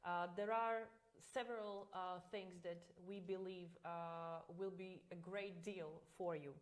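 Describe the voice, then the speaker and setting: A woman from Slovakia, a client services consultant, presenting a webinar in a relaxed way with many fillers. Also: lowish voice, a little slow. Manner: relaxed, hesitant with many fillers, laughs easily. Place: online webinar.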